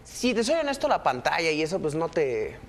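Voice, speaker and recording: A young Mexican man answering interview questions as a fighter, relaxed and reflective, with lots of filler words. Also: fairly high pitch, a little fast, a little hiss or hum. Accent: Mexican Spanish. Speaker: interview guest, UFC fighter.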